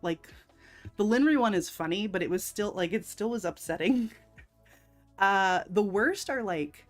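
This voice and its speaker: A woman's voice: mid-range voice, lively intonation, unhurried, soft background music. A woman hosting a casual craft livestream, chatting and laughing often. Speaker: livestream host. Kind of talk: casual chat while crafting.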